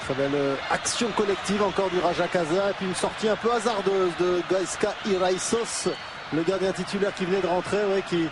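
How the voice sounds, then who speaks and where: A man's voice: high-pitched, a little fast. A man giving live football commentary as second commentator, analysing replays in hesitant, tag-filled phrases. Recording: clear ambient noise behind the voice.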